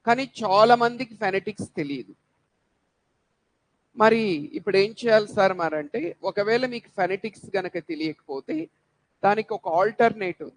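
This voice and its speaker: Man, high voice, english teacher, asks and answers his own questions, drills sounds. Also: expressive, moderate pace, pauses often, low-quality recording. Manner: poses rhetorical questions then answers them; drills words by repeating sounds. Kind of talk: classroom-style grammar lesson.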